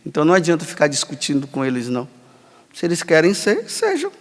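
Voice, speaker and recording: Emphatic high-voiced priest. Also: male voice, huge pitch swings, fast talker. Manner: emphatic, acts out imagined dialogues. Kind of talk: sermon. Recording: long hall reverb.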